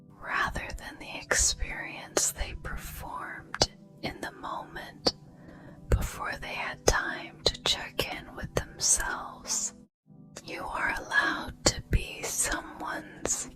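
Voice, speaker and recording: Woman, whispered pep talk, ASMR affirmations, breathy, very unhurried, deliberate pauses, reassuring, music behind. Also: extremely high pitch. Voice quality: soft breathy unvoiced whisper.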